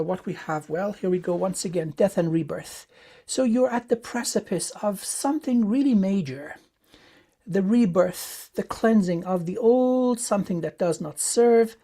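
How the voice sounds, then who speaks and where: Woman, lowish mellow voice, calm spiritual card reader with a soothing manner. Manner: soothing, affectionate, with fillers. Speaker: tarot and rune reader. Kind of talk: spiritual card reading to a viewer.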